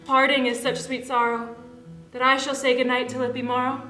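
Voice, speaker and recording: A woman's voice: high voice, flat delivery, a little fast, sharp tone, echoey room, soft background music. A woman playing a lovestruck, playful, eager young maiden in theatrical Shakespearean verse. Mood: tender. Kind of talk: theatrical Shakespearean stage acting.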